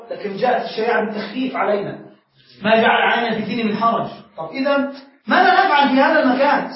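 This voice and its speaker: A sheikh with a very high voice lectures at a brisk clip, putting questions to his class and then answering them. He is picked up from a distance in a very echoey room. The sound is dull and lo-fi, with faint noise underneath.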